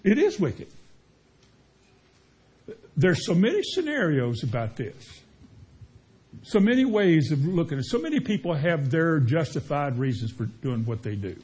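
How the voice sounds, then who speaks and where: Husky preacher. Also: male voice, fairly high pitch, big pitch swings, moderate pace, long pauses, darkish tone. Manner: conversational, asks the congregation questions. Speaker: pastor. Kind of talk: sermon.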